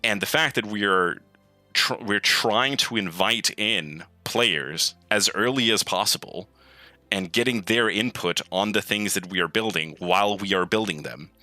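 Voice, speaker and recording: A man's voice: lowish voice, a little slow, sharp tone, no echo, soft background music. A man being interviewed about his work as a game programmer, talking casually and enthusiastically with many restarts and repeated words. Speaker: lead gameplay programmer, guest.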